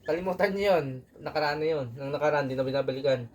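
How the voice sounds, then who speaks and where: A woman's voice: sits low, fast talker. A woman with a Filipino accent, chatting playfully to her viewers while sorting secondhand shirts. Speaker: thrift clothing seller. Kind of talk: casual unboxing chat.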